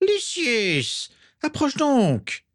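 A man reading a storybook aloud, voicing a cold, high-voiced, hissing male dark wizard in a dry, close recording. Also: wildly swooping pitch, very slow, heavily acted. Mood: cold, commanding.

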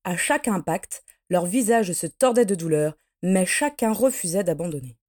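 A woman narrating a fantasy story in a steady, measured audiobook reading. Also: on the low side. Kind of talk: audiobook narration of fan fiction.

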